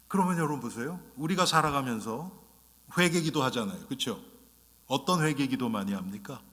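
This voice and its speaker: A man's voice: fairly high pitch, bright, forceful tone. A male pastor preaching a sermon in a conversational way, often turning to the congregation and acting out short quoted lines. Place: church sanctuary. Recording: long reverb of a church sanctuary.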